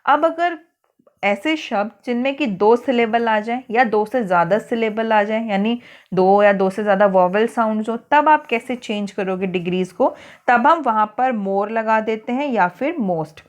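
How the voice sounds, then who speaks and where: Speaking a little slowly in a slightly high voice, an Indian-accented woman guides schoolchildren through an English worksheet. Patient throughout, she spells each word letter by letter.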